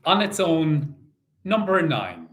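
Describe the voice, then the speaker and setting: A man working as a bingo caller, calling out numbers in set phrases and repeating each in a measured, sing-song way. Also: on the high side, sing-song, fairly bright tone.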